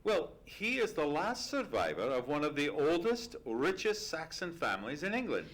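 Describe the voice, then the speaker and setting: A man playing an earnest, loyal gentleman doctor who narrates and speaks in a live old-time radio play, formally worded. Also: fairly high pitch, huge pitch swings. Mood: earnest, concerned. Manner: formal, earnest, measured storytelling. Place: live on a theatre stage.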